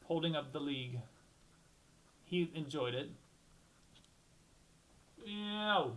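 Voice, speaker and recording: A man's voice: fairly high pitch, lively intonation, a little slow, fairly bright tone, low-quality recording. A young man hosting a solo basketball talk show, rambling and thinking aloud, restarting sentences and swearing casually.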